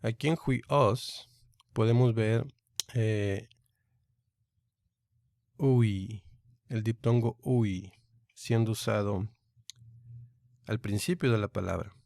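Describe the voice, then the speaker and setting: A man teaching a recorded online Greek lesson, speaking slowly and deliberately and repeating each sound aloud. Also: lowish voice, steady tone, gravelly, darkish tone, dry recording, clean studio sound.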